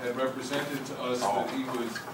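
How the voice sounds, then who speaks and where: A man's voice: medium pitch, moderate pace. Businesslike man running a hearing. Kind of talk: procedural talk at a hearing. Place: hearing room. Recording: distant mic in an echoey, noisy room.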